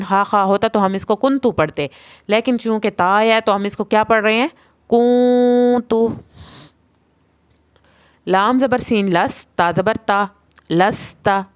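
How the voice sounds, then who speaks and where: A woman teaching Quran recitation in an online lesson, patiently spelling out letter sounds and slowing down to model each one. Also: medium pitch, smooth.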